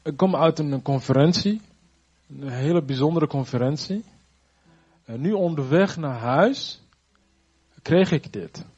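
Giving a testimony of his faith at church, a man speaks in a husky, faintly breathy voice that sits on the high side and has a darkish tone. His delivery is earnest and thoughtful but halting, with sentences restarted as he hunts for the right words. The audio sounds muffled and dull.

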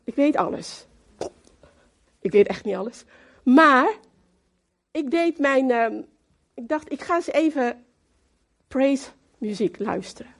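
High-voiced, expressive woman preaching. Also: slow pace, pauses often. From Moluccan community in the Netherlands. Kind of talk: sermon.

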